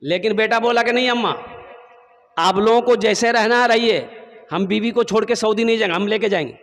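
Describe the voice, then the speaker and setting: A man's voice: high-pitched, a little fast, fairly bright tone, long reverb tail. A man preaching a sermon, telling an emotional story and calling on the crowd to answer his questions. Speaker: Islamic preacher.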